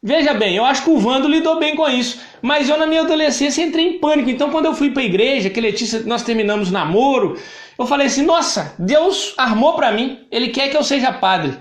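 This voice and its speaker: High-voiced Brazilian man in an echoey room. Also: animated, brisk. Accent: Brazilian Portuguese. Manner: emphatic and repetitive, often greets viewers by name. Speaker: church speaker sharing his testimony. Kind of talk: personal testimony to live viewers.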